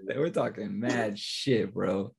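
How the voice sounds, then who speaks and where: A man's voice: fairly low pitch, slow pace, gravelly. A man co-hosting a casual podcast, talking in a laid-back, slangy, unbothered way. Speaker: podcast co-host. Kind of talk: casual chat.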